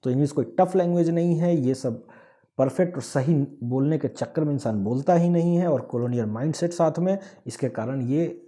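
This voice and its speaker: A man from Bihar, India, speaking with a Bihari accent, gives an earnest explanatory talk, listing his points one by one. He is a speaker for a language-awareness movement, and his voice is fairly high, mellow, and a little fast.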